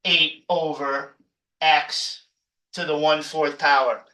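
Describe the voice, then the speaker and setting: A man's voice: a little high, steady tone, slow, pushed and bright. A man professor giving an exam review lecture, emphatic and jokey, often repeating himself. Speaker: math professor. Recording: echoey room, mic far off.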